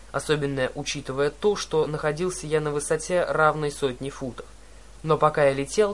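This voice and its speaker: A man reading a first-person adventure story aloud, with dramatic, animated narration. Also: fairly high pitch. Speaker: audiobook narrator.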